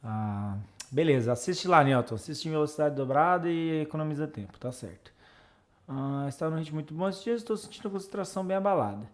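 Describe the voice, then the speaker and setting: A man's voice: fairly high pitch, lively intonation, fairly quick. A man from Brazil, tutoring exam students on a casual live stream and chatting through viewers' comments. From Santa Catarina, Brazil.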